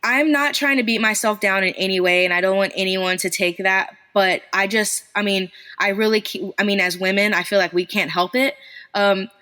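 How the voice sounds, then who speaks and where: A woman's voice: medium pitch, steady tone, moderate pace, bright, forceful tone. A young woman guest telling her story in a candid, chatty, self-deprecating way, laughing often. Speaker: podcast guest, small business founder.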